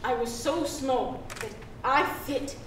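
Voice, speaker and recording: Performing on a theatre stage, a middle-aged woman takes the role of a free young woman who recounts her birth at sea. Her voice sits high, and the mood is solemn and tender as she tells the story in a measured, halting, deliberate way. The recording sounds roomy and distant, with hissy ambience.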